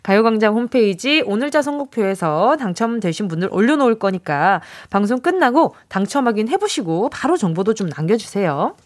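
A woman's voice: mid-range voice, sing-song, brisk, hardly any pauses, no room sound. A young woman hosting a radio show, playfully announcing a giveaway and reading listener texts aloud with a bubbly, dramatic delivery. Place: radio studio. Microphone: studio mic.

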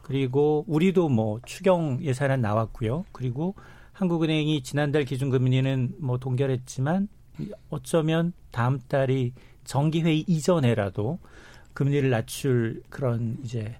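A man's voice: mid-range voice, moderate pace, mellow, no room sound. A man speaking as an expert panelist in a radio discussion, explaining conversationally with frequent filler words.

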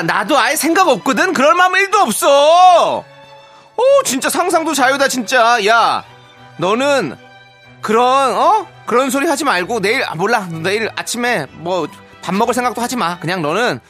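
A man voicing a timid, quick-tempered middle-aged wife in a comic radio skit, fussing and exclaiming. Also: sits high, sing-song, fairly bright tone, husky, faint music behind, exaggerated voice. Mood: furious. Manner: fussy, exclaiming, then snapping.

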